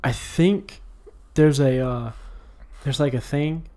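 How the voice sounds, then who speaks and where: A man's voice: a little high, takes it slowly, dark tone. A man chatting casually about an anime as a podcast co-host, rambling with many fillers and restarts, sleepy and yawning.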